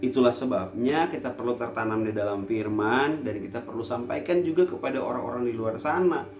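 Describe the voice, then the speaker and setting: Delivering a casual youth sermon for an online service, a man talks briskly and teases his audience playfully along the way. He alternates loud, emphatic moments with quiet, low lines, and the sound is roomy.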